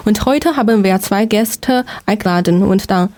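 A woman's voice: medium pitch, moderate pace, darkish tone. Young woman co-host, short prompting questions. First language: Chinese.

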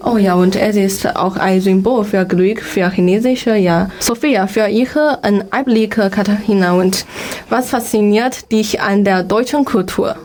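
A woman's voice: mid-range voice, darkish tone. Woman hosting a small radio show. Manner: halting learner's German with slips.

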